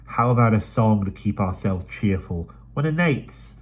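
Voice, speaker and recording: In an audiobook, a man with a fairly low, husky voice pushes it upward to play a plucky, chatty London street girl with a broad cockney-style dialect. His intonation is lively and his pace moderate, and the character comes across cheery, bold and upbeat.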